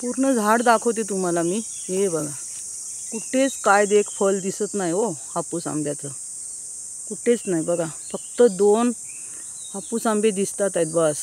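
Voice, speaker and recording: A woman's voice: mid-range voice, unhurried. A woman from Konkan, chatting casually as she shows viewers around her farm. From Konkan, India. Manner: chatty, keeps pointing things out to viewers. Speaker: village vlogger. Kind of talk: casual walking farm tour. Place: outdoors in an orchard. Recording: faint outdoor noise from insects. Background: insects chirping.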